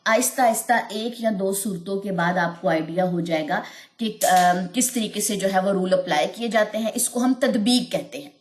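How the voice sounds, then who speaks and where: Woman teaching Quran recitation, echoey room. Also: mid-range voice. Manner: patient, repeats points, chants verses in a slow melodic recitation. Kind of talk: tajweed lesson with chanted recitation.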